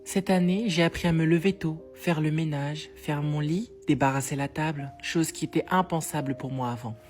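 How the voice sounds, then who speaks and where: A woman reading a mock-sincere letter to her followers in a deadpan, soft manner. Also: low-pitched, normal speed, soft background music. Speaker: comedy creator.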